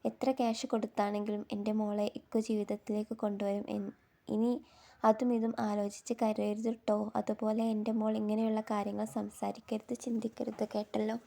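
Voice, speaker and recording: Protective brother, read by a woman, urgent and reassuring, mellow tone. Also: mid-range voice, level tone, a little fast, creaky, close to an everyday voice. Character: devoted protective older brother.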